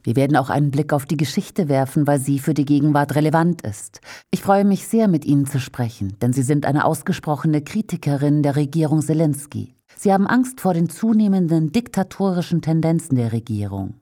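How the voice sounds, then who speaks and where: A woman with a low, dark, mellow voice reads a translated interview as a voice-over. She delivers both sides in an even, measured way and announces each speaker's name before they talk.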